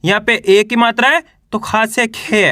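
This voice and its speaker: A man's voice: very high voice, bright, forceful tone, clear, resonant tone, dry recording, studio quality. A man teaching a reading lesson, patiently sounding out syllables one by one and drawing out the vowels. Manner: patient, deliberate, drawn-out vowels.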